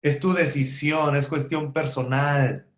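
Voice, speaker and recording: A man's voice: fairly high pitch, steady tone, slow. A man teaching a conversational Bible study lesson, asking and answering his own rhetorical questions with joking asides. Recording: roomy echo.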